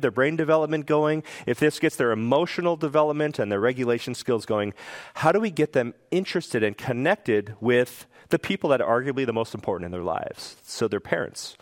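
A man giving a public talk, explaining step by step and checking in with "okay?", now and then acting out parents and children in a sudden high voice. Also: dry recording. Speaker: speaker giving a research talk.

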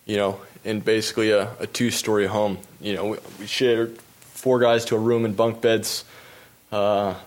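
With slides behind him, a young American man who races bikes professionally recounts his races in a laid-back talk. His voice is slightly low, and he peppers pauses with ums and uhs while laughing at his own mishaps.

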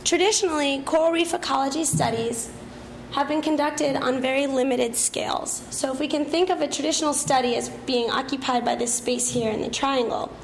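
A young woman with a hoarse, croaky frog voice, partly lost from talking, giving a scientific presentation as a graduate researcher. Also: high-pitched, brisk, a little hiss or hum, low-quality recording. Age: young adult.

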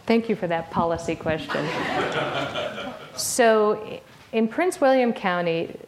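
Her voice is mid-range and animated, her pace slow, and the recording very noisy. She's delivering an academic talk with audience questions in a lecture room, in a conversational manner broken by frequent fillers and restarts.

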